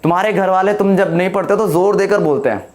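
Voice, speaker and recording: A man with a fairly high voice teaches English grammar in a classroom. He explains slowly, repeats his points and keeps checking with the class through questions. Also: a little mellow. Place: classroom with whiteboard.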